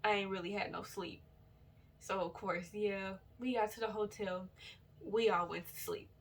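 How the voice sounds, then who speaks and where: A woman's voice: medium pitch, moderate pace, recorded from a distance. A woman telling her viewers a rambling, casual story to camera, full of fillers and self-corrections. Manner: chatty and relaxed, addresses viewers directly. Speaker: vlogger. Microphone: built-in device camera mic.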